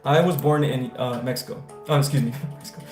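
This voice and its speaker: During a casual livestream with a spiritual focus, this American host works through viewer comments, replying and giving out eager, affirmation-style blessings. His voice is medium-pitched and quick, set against faint guitar and an echoey room.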